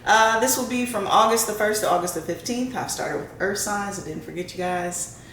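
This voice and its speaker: A woman's voice: medium pitch, normal speed, a bit bright. A woman hosting a casual tarot and horoscope reading for her viewers, often checking in with a questioning "right?". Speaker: tarot reader and channel host. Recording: roomy echo, faint background noise.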